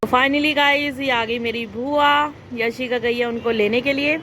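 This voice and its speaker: A woman's voice: high-pitched, steady tone, measured pace, background noise. A young woman vlogging in casual chat, emotional and talkative, often addressing her viewers directly. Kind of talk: casual vlog talk.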